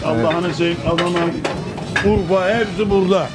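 An older man hosting a travel show, doing lively, jokey roving interviews with a handheld mic in a busy restaurant. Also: high-pitched, normal speed. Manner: boisterous, jokey, greets everyone. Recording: music playing behind.

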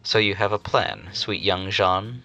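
A gushing, theatrical grown man with bulging eyes, as a man puts him on for a fan anime dub. He dotes on the girl with over-the-top swoons. The voice is low and bright with a forceful edge. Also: a little slow, highs cut off, faint music behind, exaggerated voice. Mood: doting.

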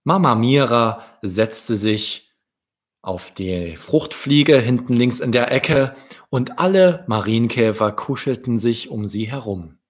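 Close to a desk microphone in a small wood-panelled room, a German man in his thirties narrates a children's story he wrote himself. His mid-range voice is expressive and slow, with a breathy edge.

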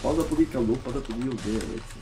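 A man hosting a casual gameplay session, excitable, swearing and trash-talking his opponent. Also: medium pitch. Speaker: gaming channel host. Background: game music.

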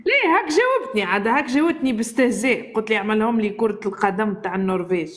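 A woman's voice: on the high side, lively intonation, rapid-fire. A woman calling into a live stream, teasing and mocking the host. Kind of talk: heated live stream debate.

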